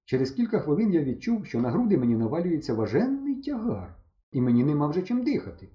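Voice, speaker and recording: A man reading a humorous story aloud in the first person, with lively, mock-dramatic narration. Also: fairly high pitch, fast. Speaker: audiobook narrator. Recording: dull lo-fi recording.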